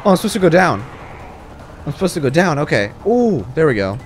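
A man's voice: fairly high pitch, big pitch swings, a little fast, a little hiss or hum. A young man commentating as he plays a video game, rambling to himself and exclaiming in jittery bursts. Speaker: gamer. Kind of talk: let's play commentary.

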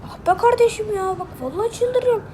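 A woman's voice: extremely high pitch, fast talker, background noise. A woman giving let's play gameplay commentary, muttering to herself in frustration and swearing often. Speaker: gamer.

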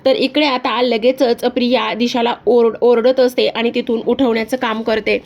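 Brief: woman narrator recapping a serial for viewers, slightly high voice. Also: normal speed, slight background noise. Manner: steady narrating, addresses viewers. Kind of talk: retelling a TV serial episode.

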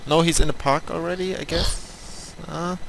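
A man's voice: on the high side, fairly even intonation, creaky, a bit bright, slight background noise, poor audio. Man calling directions in game chat. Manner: giving directions, halting restarts. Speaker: gamer leading team as boss. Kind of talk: casual gaming voice chat.

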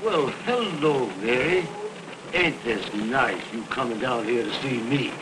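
A man playing an earnest, gentle railroad boss, heard on an early 1930s talkie film soundtrack. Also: mid-range voice, lively intonation, measured pace. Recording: hissy old film soundtrack.

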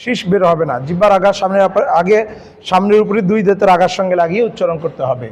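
High-voiced man teaching Quran recitation. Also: fast, darkish tone, lo-fi sound. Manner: dictates syllable by syllable and chants the verse. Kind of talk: recitation lesson.

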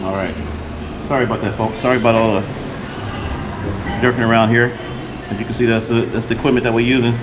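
A man's voice: medium pitch, little pitch movement, fast, pauses often. A man in his forties giving a loose, chatty walkthrough of his streaming gear, repeating himself as he explains, recorded on a camera mic in a coffee shop at night. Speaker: vlogger showing his streaming setup. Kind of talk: casual walkthrough vlog. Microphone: camera-mounted mic, handheld then on tripod. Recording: noisy coffee shop ambience.

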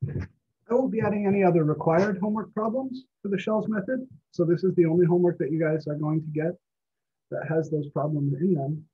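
A man teaching a college math class live online from home, relaxed and encouraging, with many fillers. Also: on the high side, brisk, husky. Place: home, on a video call. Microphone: computer mic on a video call. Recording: dull lo-fi video call audio.

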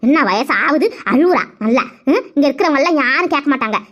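A woman voicing a sharp-tongued village woman who scolds and grumbles sarcastically in a cartoon family quarrel. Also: high voice, animated, quick pace. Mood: scolding. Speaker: cartoon voice artist. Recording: dull lo-fi recording.

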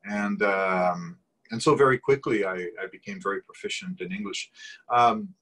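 Over a video call from a small room at home, a Brazilian-born guest in his forties, whose native language is Portuguese, answers interview questions thoughtfully. His voice is lowish and fairly bright at a normal speed, and he often restarts and repeats words. The audio comes through his webcam.

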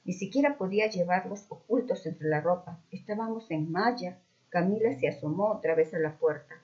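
A woman narrating a children's mystery story aloud, expressive and acting out the dialogue. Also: on the low side, normal speed. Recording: dull muffled recording.

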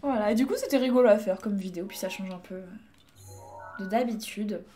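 A woman's voice: mid-range voice, fairly quick, warm tone, faint music behind. A young woman streaming a game live, chatting casually, laughing and thanking her viewers. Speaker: Twitch streamer. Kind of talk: casual live gameplay chat.

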